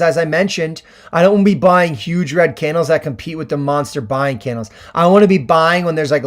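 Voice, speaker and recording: Hoarse man explaining trades on a livestream. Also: a little high. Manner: chatty, many ums and restarts, explanatory. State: hoarse from screaming at games. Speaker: livestream trading host. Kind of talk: casual Q&A livestream, answering chat.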